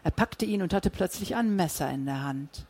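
A reader narrating a crime story in an audiobook, with steady storytelling. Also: male voice, high-pitched, normal speed, husky. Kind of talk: scripted narration.

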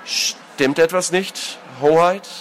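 A man's voice: sits high, moderate pace, a bit bright, a little hiss or hum, voice pushed up. A man voicing an eager, boastful male mercenary who proudly announces his deeds. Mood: irritated.

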